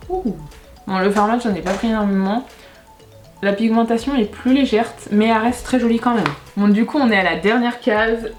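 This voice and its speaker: A woman's voice: mid-range voice, darkish tone. Chatty young woman in echoey room. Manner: chatty, restarts sentences, self-correcting. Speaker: beauty vlogger. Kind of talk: casual unboxing chat.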